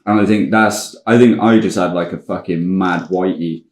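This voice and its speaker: A man in a band, telling tour stories in a relaxed, sweary way during casual podcast chat. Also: deep voice, moderate pace, reverberant, a little hiss or hum. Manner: sweary, laid-back storytelling. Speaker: band member.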